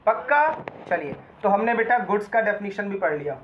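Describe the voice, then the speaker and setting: A male law lecturer teaches a class in Hindi sprinkled with English terms, calling students "beta" and quizzing them often as he goes. His voice is high, animated, and fairly quick, with faint music behind it. The room is echoey and the sound dull and lo-fi.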